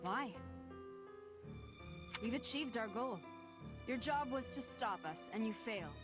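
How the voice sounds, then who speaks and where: Woman as a composed, curt game rival over loud music. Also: fairly high pitch, unhurried, close to an everyday voice. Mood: cool, dismissive. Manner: terse, composed. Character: cool, curt, confident victorious opponent. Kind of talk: video game voice acting.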